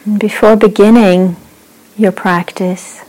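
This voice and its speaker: A woman teaching a meditation class, guiding the practice in a slow, gentle way with long pauses. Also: medium pitch, fairly even intonation, rough recording. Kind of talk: guided meditation.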